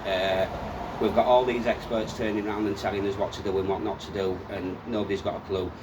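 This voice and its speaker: A man's voice: lowish voice, level tone, fairly quick, distant mic, background noise. A man chatting casually with a colleague, rambling and repeating himself as he rants. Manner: rambling, repeats words, ranting. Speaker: co-host. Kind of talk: casual chat.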